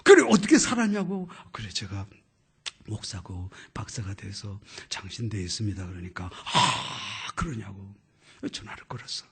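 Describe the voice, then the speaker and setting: An older man preaching, telling a personal story and acting out voices, swinging from whispers to shouts. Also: lowish voice, big pitch swings, normal speed, breathy edge. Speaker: pastor. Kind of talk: storytelling sermon.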